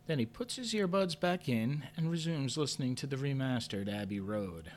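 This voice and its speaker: Man narrating with a lively, expressive pitch. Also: slight background noise. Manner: measured and understated, lifts sharply in his own character's questions. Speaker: first-person narrator. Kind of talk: audio drama narration.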